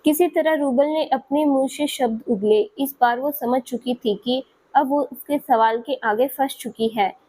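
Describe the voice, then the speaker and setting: A woman narrating a dramatic family story in a steady storytelling manner. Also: high voice, measured pace, hardly any pauses.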